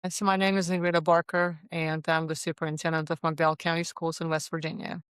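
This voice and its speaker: Woman in her 40s, superintendent guest; flat, even, smooth, earnest. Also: deep voice, quick pace, no room sound. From Latvia. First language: Latvian. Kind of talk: interview answers.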